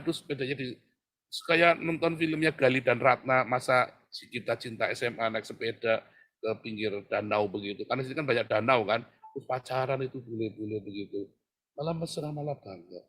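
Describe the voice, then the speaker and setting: A man preaching a sermon, swinging from hushed, prayer-like talk to loud, animated exhortation. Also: medium pitch. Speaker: pastor.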